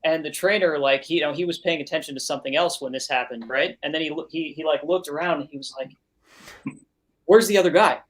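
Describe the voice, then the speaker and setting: A man's voice: a little high, steady tone, quick pace, hardly any pauses, a bit bright. A man who works as a sound recordist, appearing as a guest and telling a story casually with many restarts and fillers. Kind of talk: casual anecdote.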